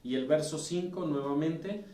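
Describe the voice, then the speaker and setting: A man with a Mexican Spanish accent, a deacon teaching a Bible lesson, reading scripture aloud and explaining it with pauses and self-corrections. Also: fairly high pitch, dark tone. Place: church room. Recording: roomy, distant mic with faint noise.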